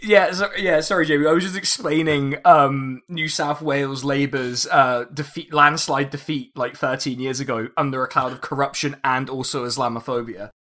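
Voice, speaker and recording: A man's voice: medium pitch, steady tone, moderate pace, hardly any pauses, bright, forceful tone. A man hosting a casual history podcast, chatty and wry, laughing often and swearing freely. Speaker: podcast host.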